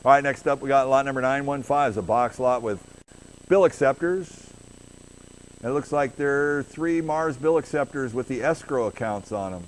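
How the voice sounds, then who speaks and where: Man rattling off a rhythmic auctioneer chant. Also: mid-range voice. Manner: rapid, repetitive rhythmic bid chanting. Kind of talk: fast auctioneer chant, calling bids and lots. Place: auction floor with background noise. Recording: noisy live auction room.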